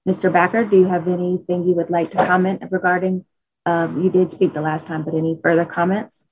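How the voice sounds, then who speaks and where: A woman's voice: on the low side, flat delivery, fairly quick, dull audio, slight background noise. A woman chairing a formal government commission meeting in a courteous, procedural manner.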